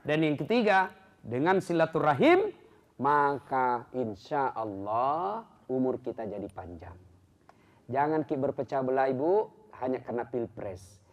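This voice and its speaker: A man from South Sulawesi, delivering a humorous sermon and acting out little dialogues. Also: measured pace. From South Sulawesi, Indonesia. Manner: animated, shifts between loud exclaiming and low confiding tones, acts out dialogue. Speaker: preacher.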